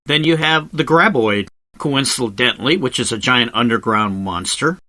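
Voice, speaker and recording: This travel-video narration is a scripted voice-over by a man with a mid-range, expressive voice, bright and forceful in tone, at a moderate pace. He talks like a casual tour guide, explaining conversationally and adding wry asides. There's no echo, as he was recorded on a close voice-over microphone apart from the cave.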